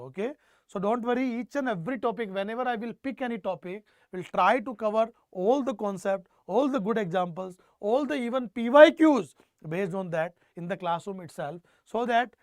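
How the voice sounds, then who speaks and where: A man's voice: high voice, no room sound. A man with a North Indian accent delivers an exam-prep lecture. He restates phrases for emphasis and keeps putting questions to his students. The sound is dry, with very little room in it. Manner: mixes Hindi phrases into English. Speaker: teacher.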